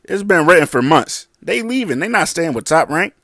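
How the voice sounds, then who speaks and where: A man's voice: fairly high pitch, big pitch swings, moderate pace, pushed and bright, dry recording, clean studio sound. Blunt, slangy man talking boxing. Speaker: boxing commentator. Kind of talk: casual online commentary.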